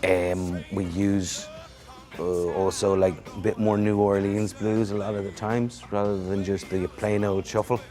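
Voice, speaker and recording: Man, Dublin Irish accent, deep voice, easygoing, rambling musician guest. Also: flat delivery, unhurried, mellow, soft background music. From Ireland. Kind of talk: casual interview answers.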